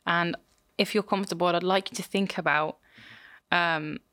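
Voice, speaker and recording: Low-voiced woman hosting a podcast. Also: steady tone, normal speed, sharp tone, no echo, studio quality. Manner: friendly, encouraging questions. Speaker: podcast host. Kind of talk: interview podcast.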